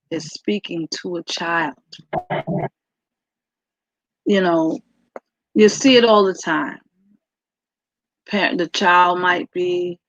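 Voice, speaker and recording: Woman speaker, low-ish voice, very slow and emphatic, dry dull lo-fi audio. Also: a bit bright, dry recording. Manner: slow, deliberate, repeats phrases for emphasis. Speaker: speaker at a virtual event. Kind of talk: instructive talk.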